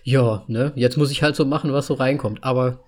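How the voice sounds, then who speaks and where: A man's voice: mid-range voice, fairly even intonation, a little fast, darkish tone. A man in his late thirties co-hosting a podcast in casual chat, talking in a rambling, chatty way and laughing often. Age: 30s. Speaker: podcast co-host.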